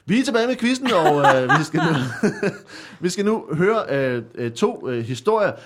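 A man's voice: fairly high pitch, sing-song, noisy background. A man hosting a casual podcast quiz, hesitant and joking, with many fillers as he talks. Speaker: podcast host and quizmaster.

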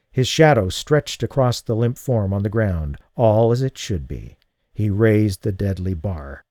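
A man giving a dramatic audiobook narration of a thriller, measured and slowing for tense beats. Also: lowish voice, dark tone, dry recording, studio quality. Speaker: audiobook reader.

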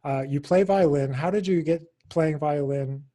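A man hosting a podcast, asking relaxed questions with the odd filler. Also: a little high, moderate pace. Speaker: podcast host. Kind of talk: casual interview chat.

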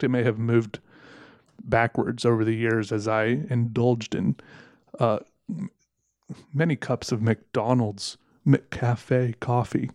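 A man's voice: mid-range voice, a little mellow, no room sound, studio quality. A man chatting casually into a microphone as a solo podcast host, rambling, correcting himself and musing with wry humor. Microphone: close microphone.

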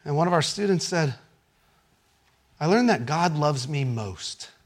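A male pastor delivering a sermon in a high, very lively voice. He tells stories with big energy, then drops to soft, hushed tones for the serious points. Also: measured pace. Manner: animated storytelling, swinging from excited shouts to hushed tones.

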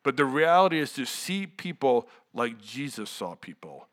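A man's voice: medium pitch, big pitch swings, normal speed, a bit bright. A young adult man preaching a sermon in a candid, conversational way, full of asides and rhetorical questions.

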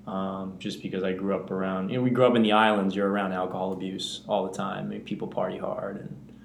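Candid low-voiced man in his thirties. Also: level tone, quick pace, vocal fry. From Bahamas. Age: 30s. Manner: candid, reflective, many fillers and restarts. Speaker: podcast guest. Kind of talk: personal recovery story. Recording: echoey room with faint background noise.

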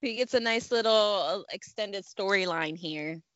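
A woman hosting a casual podcast recap from inside a car, animated and acting out scenes with laughter. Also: mid-range voice, unhurried, dry recording, muffled recording. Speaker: podcast host.

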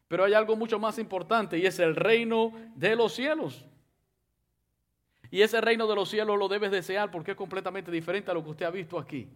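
A male pastor preaching a sermon, reading scripture and speaking directly to his congregation, with sharp swings between loud and soft. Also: sits high. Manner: preaching, with sharp rises and drops in loudness; reads scripture aloud and addresses the congregation directly.

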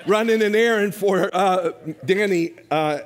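A man's voice: high voice, a little slow. An older man preaching a sermon as pastor to his church, conversational and joking with the congregation. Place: church sanctuary.

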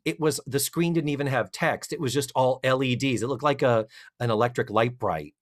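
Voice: mid-range voice, fairly quick. A middle-aged podcast co-host in casual chat, retelling a TV episode in a rambling way and acting out the characters' lines. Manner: animated, rambling storyteller who acts out quotes.

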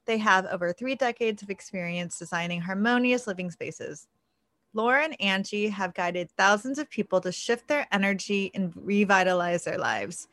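A woman co-hosting a podcast who reads the scripted intro briskly, then chats casually. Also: medium pitch, fairly bright tone, no room sound. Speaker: podcast co-host.

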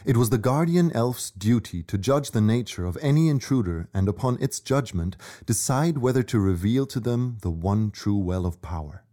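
A man's voice: medium pitch, animated, normal speed, hardly any pauses, warm tone. A man narrating a scripted children's story as the storyteller.

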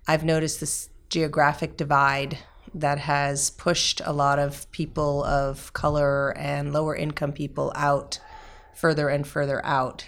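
A woman who co-founded a community organization, speaking in an interview about its mission in an earnest way. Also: deep voice. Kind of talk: casual interview talk.

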